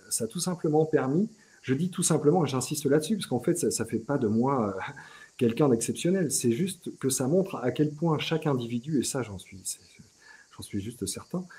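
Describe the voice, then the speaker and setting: Being interviewed, a middle-aged man speaks French in a mid-range voice, loose and conversational. His speech is hesitant, marked by frequent restarts, small fillers and many a "tu vois".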